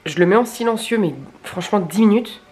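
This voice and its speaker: Talking casually to camera, this young woman vlogger is crude and candid, complaining and mocking herself in a confessional, colloquial way. Her voice is medium-pitched, a little mellow, and she talks a bit fast.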